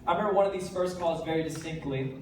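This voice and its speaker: On stage at a TEDx event, a teenage American man addresses a live audience at a quick pace, earnest and energetic, slipping in light self-deprecating jokes. His voice sits a little high and sounds distant from the mic, swallowed by heavy echo in a large hall over a faint hiss.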